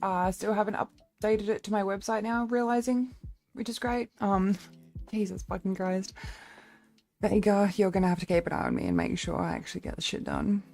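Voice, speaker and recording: A woman's voice: mid-range voice, fairly even intonation, normal speed, pauses often, warm tone, faint music behind. A young woman streamer chatting casually with her viewers, rambling and swearing freely.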